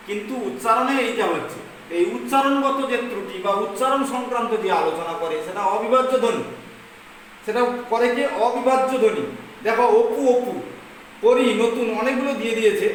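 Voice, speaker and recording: A woman teacher dictating a grammar lesson slowly, repeating each phrase so students can take notes. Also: fairly high pitch. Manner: slow dictation, repeating phrases for note-taking. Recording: very echoey room, distant mic, faint noise.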